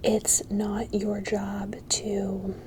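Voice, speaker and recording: A woman giving a whispered ASMR pep talk, soft and halting, reassuring and encouraging. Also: medium pitch, completely flat delivery, background noise. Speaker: ASMR creator.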